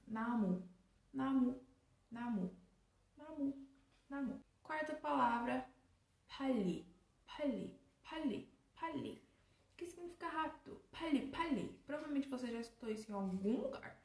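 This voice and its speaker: A woman hosting a casual language vlog, repeating each foreign word slowly several times. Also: a little high, a little mellow, recorded from a distance. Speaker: language vlogger. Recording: roomy echo.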